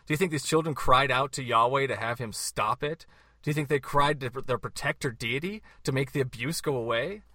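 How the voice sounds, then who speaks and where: A man with a bright, forceful voice presses his case intensely, stacking rhetorical questions and quoted verses. His voice is dry and close to the mic. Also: medium pitch, brisk, dry recording. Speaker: religion critic in debate. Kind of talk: debate.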